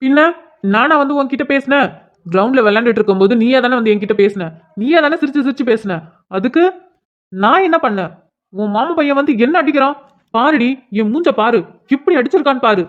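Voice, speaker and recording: A furious older schoolboy in a cartoon, played by a woman, who hurls accusations and harsh threats. The voice is pitched a bit high for a boy. The recording sounds dull. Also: expressive, fairly quick. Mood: accusing. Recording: dull lo-fi audio.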